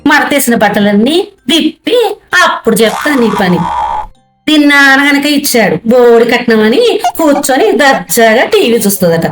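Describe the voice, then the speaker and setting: A woman playing a spiteful, nagging older mother-in-law who scolds her daughter-in-law in shrill tones. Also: animated, moderate pace, lightly acted. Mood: scheming. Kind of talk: amateur family comedy skit. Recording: echoey room with loud music.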